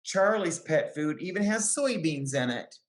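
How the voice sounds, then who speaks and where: An extension educator reads a children's picture book aloud in a low voice within a roomy, echoing space. She phrases things carefully and deliberately, adding brief explanations for the children, while her pitch rises and falls lively for young listeners.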